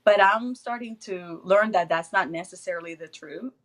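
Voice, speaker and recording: A native Spanish speaker with a Spanish accent chats casually as an interview guest, laughing often and restarting phrases while hunting for English words. Her voice is fairly low in pitch and moderately paced.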